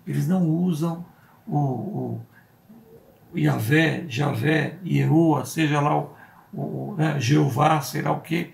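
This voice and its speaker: A Brazilian pastor teaching a church Bible school class, explaining step by step and often checking in with "né?" and "tá?". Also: male voice, fairly high pitch, creaky, darkish tone. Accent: Brazilian Portuguese. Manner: slow, deliberate, spells out letters. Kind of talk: Bible study lesson.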